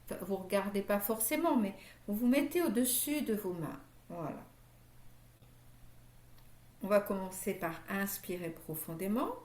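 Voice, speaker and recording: A woman leads a yoga meditation class at a slow, unhurried pace. Her voice sits at a middle pitch and carries gentle reassurance. The sound is roomy and echoey. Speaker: yoga teacher. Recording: echoey room.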